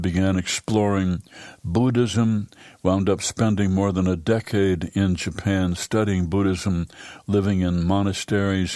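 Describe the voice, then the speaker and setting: Low, unhurried older male radio host. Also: no room sound. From United States. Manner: unhurried storytelling delivery with long pauses. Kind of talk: scripted almanac narration. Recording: dry studio voice-over with soft music.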